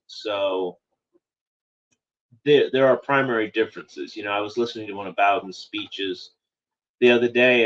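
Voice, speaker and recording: A man's voice: mid-range voice, a bit bright, lo-fi sound. A man talking as a political commentator in a casual monologue, rambling and repeating phrases with frequent "you know".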